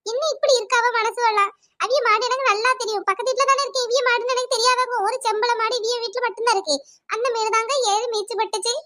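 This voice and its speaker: A woman voicing an angry young village woman, accusing and shrill. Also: fairly even intonation, fast, pushed and bright, no room sound, studio quality. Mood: insistent. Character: indignant young village woman, angry over her new scooter.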